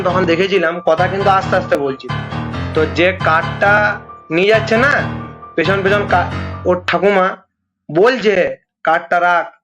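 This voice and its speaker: A man's voice: sits high, lo-fi sound. A man telling a ghost story in a casual chat, repeating phrases for effect. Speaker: guest storyteller.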